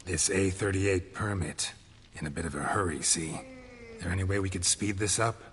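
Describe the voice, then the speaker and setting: An actor playing a terse, stoic monster hunter in a video game, clipped and deadpan with dry impatience. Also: male voice, sits low, normal speed, slight background noise. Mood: curt impatience. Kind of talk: scripted video game dialogue.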